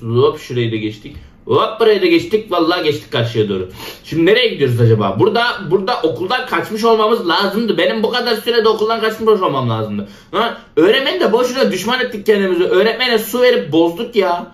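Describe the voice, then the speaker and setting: A man hosting a game channel with excited commentary, talking straight to his viewers, often laughing and exclaiming, slightly ill with a rough edge to his voice. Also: sits high, quick pace, echoey room. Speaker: gaming channel host.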